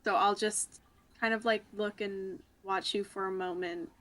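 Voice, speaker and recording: A woman's voice: mid-range voice, fairly even intonation, unhurried, a bit bright. A woman playing a tabletop role-playing game, talking in a chatty, hesitant way with many fillers. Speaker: player. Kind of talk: tabletop role-play session.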